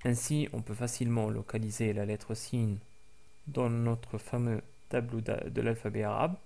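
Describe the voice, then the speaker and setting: A man teaching a language lesson for French speakers, slowly repeating each word for practice, with frequent hesitations. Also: mid-range voice, little pitch movement, creaky, warm tone. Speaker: Arabic teacher.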